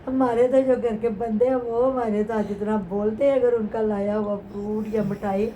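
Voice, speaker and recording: A woman's voice: on the high side, steady tone, normal speed, mellow, highs cut off, a little hiss or hum. A middle-aged woman from Pakistan, chatting casually and explaining customs at length. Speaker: co-host commenting on vlogs. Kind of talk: casual chat.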